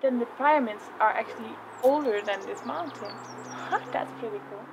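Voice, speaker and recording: Dreamy woman vlogging outdoors, slightly high. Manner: soft, dreamy, halting with fillers. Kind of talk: casual spiritual vlog. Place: outdoors in a rock cave on a mountainside. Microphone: camera mic from a few metres. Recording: outdoor ambient noise.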